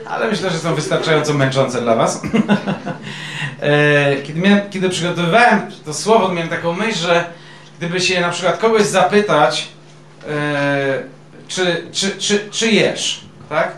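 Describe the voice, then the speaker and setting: High-voiced pastor preaching in an echoey hall. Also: male voice, a little slow, a bit bright. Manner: conversational, quizzes the congregation. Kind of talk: sermon. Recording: echoey room.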